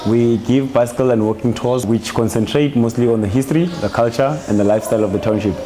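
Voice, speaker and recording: A South African man who runs a tour company, speaking in a documentary interview in a halting, deliberate way with repeated words. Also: mid-range voice, mellow, a little hiss or hum.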